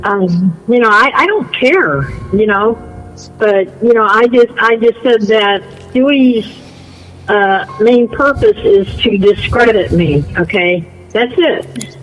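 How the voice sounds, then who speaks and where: High-pitched, defensive man on a call. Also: lively intonation, slow pace, fairly bright tone, dull audio, slight background noise. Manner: defensive, insistent, repeats himself. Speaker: online video creator. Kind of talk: casual call-in chat.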